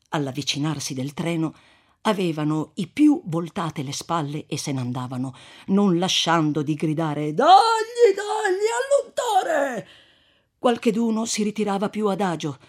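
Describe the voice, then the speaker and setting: A reader narrating a classic novel in a measured, expressive way. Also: medium pitch. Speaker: audiobook reader. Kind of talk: literary narration.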